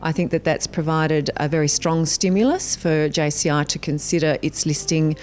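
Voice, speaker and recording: A woman's voice: sits low, fairly even intonation, moderate pace, a little mellow. A woman speaking for a company in a formal business interview, composed and often starting with an "um". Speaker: company spokesperson.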